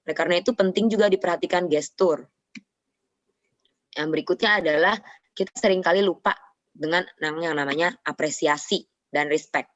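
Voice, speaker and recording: A woman's voice: lowish voice, moderate pace, long pauses, no room sound. A woman psychologist giving a casual, explanatory parenting talk in a webinar, now and then acting out what a parent would say. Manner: explaining with acted examples of parent phrases. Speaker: psychologist speaker. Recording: dry, dull lo-fi webinar audio.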